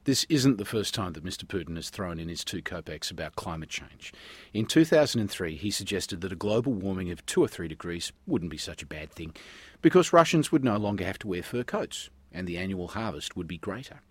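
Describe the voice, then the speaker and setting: Male science radio host. Very low, rough-edged husky voice, wry scripted delivery, close dry recording. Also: animated, a little fast, no echo. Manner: wry, tongue-in-cheek. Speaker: radio science show host and news reader.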